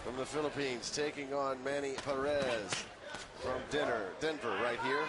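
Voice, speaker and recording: A man's voice: mid-range voice, normal speed. A man giving live play-by-play commentary on a boxing match from ringside. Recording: loud crowd and arena noise.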